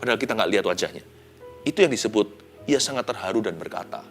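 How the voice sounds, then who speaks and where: A male pastor, giving an expressive devotional sermon that swings from hushed to loud and mixes in English phrases. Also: fairly low pitch, fast. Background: soft background music.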